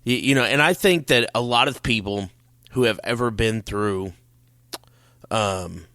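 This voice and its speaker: A man's voice: on the low side, a little slow, bright, forceful tone, no echo, studio quality. A man co-hosting a faith podcast, reflective and affirming in casual chat. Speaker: podcast co-host.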